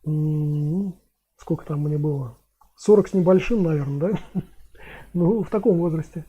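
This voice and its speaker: A man's voice: a little high, moderate pace, mellow, husky. A man in his fifties chatting casually on a livestream, rambling with many filler sounds. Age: 50s. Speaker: streamer answering chat. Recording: dull lo-fi stream audio.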